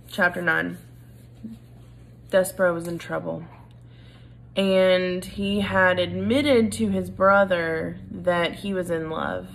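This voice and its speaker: A woman's voice: lowish voice, rough recording. A woman reading a children's book aloud, with casual, friendly asides to her listeners. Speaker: reader.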